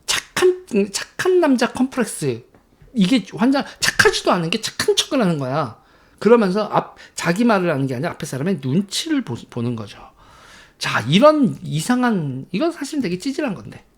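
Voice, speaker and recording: A man giving casual solo commentary as a political commentator, talking in a sarcastic, mocking way and quick to laugh. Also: sits high, sing-song, breathy edge.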